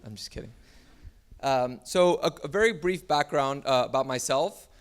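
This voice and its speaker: A man from Miami speaks to an audience about his work. His voice sits at a middle pitch, and his delivery is unpolished and talky, full of fillers and self-corrections. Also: normal speed, clean tone. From Miami, United States. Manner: relaxed, loose delivery with frequent "uh" and restarts. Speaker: startup founder giving a talk. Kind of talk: conference talk.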